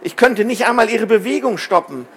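A man's voice: sits high, fairly quick, fairly bright tone, slight background noise, pitched above the performer's own voice. A man voicing a helpful female robot space cat who speaks in a precise, matter-of-fact way, in a children's storybook.

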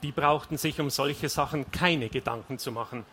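A man's voice: medium pitch, normal speed, a bit bright, slight background noise. A man reading a first-person audiobook in a wry, confessional storytelling manner. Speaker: audiobook narrator.

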